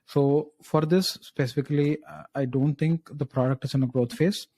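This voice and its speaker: A man speaking as a job interview candidate, thinking aloud through structured answers with hesitant pauses and frequent checking tags. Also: a little high, steady tone, dark tone, dry recording.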